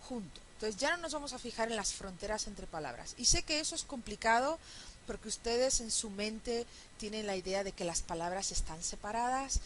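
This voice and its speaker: A woman teaching a phonetics lesson, explaining step by step and often checking understanding with a quick question. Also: fairly high pitch, a bit bright, a little hiss or hum, poor audio. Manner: counts syllables aloud slowly. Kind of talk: recorded classroom lecture.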